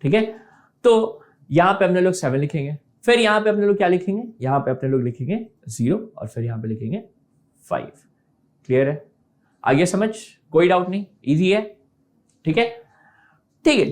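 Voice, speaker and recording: A man's voice: sits high, sing-song, normal speed. A male maths teacher giving an online class, explaining step by step, mixing English terms into Hindi, and keeping on asking whether students have understood.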